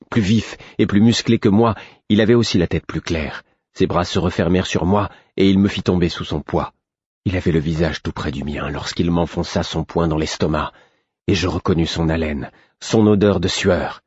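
A man reading a first-person fantasy audiobook in a steady, measured way. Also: deep voice, slightly rough, no room sound, highs cut off. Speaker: audiobook narrator.

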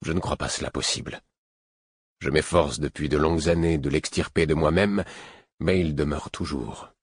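A man reading the part of a stern, proud older man with a hoarse, guttural voice, speaking gravely and with restraint. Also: extremely low pitch, moderate pace, dry recording, clean studio sound, exaggerated voice. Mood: grave restrained.

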